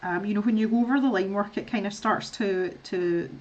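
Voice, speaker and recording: A woman's voice: mid-range voice, a little fast, a little mellow, muffled recording. Chatty middle-aged Scottish woman. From Scotland. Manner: chatty, rambling, laughs often. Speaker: art streamer. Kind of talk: casual chat while colouring.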